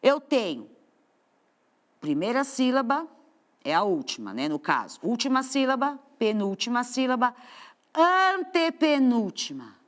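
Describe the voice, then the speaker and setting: A woman's voice: on the high side, very animated, moderate pace. A Brazilian woman teacher giving a studio lesson to children, explaining patiently and stretching out the stressed words. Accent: Brazilian Portuguese.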